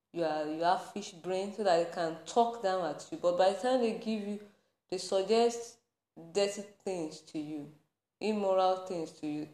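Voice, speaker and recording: A woman's voice: on the low side, mellow. A woman podcast host in a passionate faith-based rant, laughing between points and building to anger. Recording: roomy echo.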